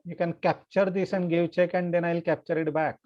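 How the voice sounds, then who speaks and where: A man, coaching kids at chess and thinking out loud patiently, asking "okay?" as he goes. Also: a little high, level tone, fairly quick, highs cut off. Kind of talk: online chess lesson to kids.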